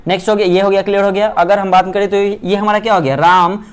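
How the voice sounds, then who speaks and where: A man teaching English grammar, asking himself questions and slowly spelling out sentence structures. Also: sits high, fairly even intonation, smooth. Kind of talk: Hindi lecture on English grammar.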